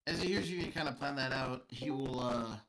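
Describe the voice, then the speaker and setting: A man's voice: mid-range voice, moderate pace, a bit bright, rough recording. A man running a tabletop game as game master, talking hesitantly with many fillers.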